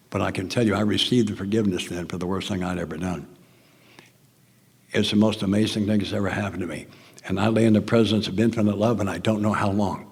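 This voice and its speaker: An older man with a Southern American accent gives a personal talk at a recovery meeting, his low voice gravelly and husky. He tells his story earnestly and plainly, sometimes sinking almost to a whisper, while the hall's long reverb carries his words.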